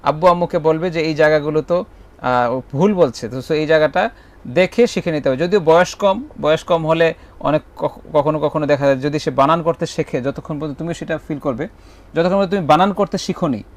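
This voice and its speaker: A man hosting a live call-in music show, friendly and gently correcting callers. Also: fairly high pitch, a little fast.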